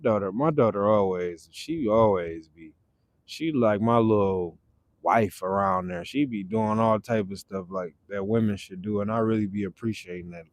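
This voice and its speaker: A man with a lowish voice at a normal pace hosts a casual livestream, chatting with viewers and answering their comments. Laid-back, he reads chat aloud and repeats phrases, in clean studio sound with no echo.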